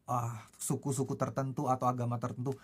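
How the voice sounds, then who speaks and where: Casting: man, mid pitch, casual commentary voice, preachy advice to viewers. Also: level tone, fairly quick, breathy edge.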